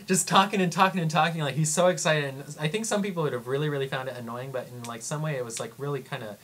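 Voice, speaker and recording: A young man telling travel stories in a casual vlog, rambling and excitable, full of "like" and acted-out quotes. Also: on the high side, fast. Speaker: vlogger.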